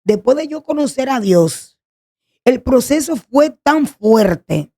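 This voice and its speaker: Earnest woman with a gravelly voice. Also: high voice, animated, slow pace, mellow. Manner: earnest, pleading storytelling. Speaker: guest sharing a testimony. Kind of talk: emotional personal testimony.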